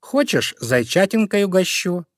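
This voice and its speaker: A man's voice: sits high, very animated, unhurried, no echo, clean studio sound, pitched above the performer's own voice. Man voicing a sly giggling vixen. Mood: sweet, scheming. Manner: sly, sugary. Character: sly scheming female fox, giggling.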